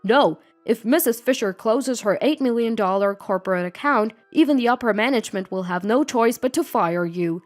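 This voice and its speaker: A woman's voice: fairly high pitch, animated, normal speed, hardly any pauses, soft background music, close to an everyday voice. Woman voicing a stern male bank manager. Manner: firm, trembling then angry.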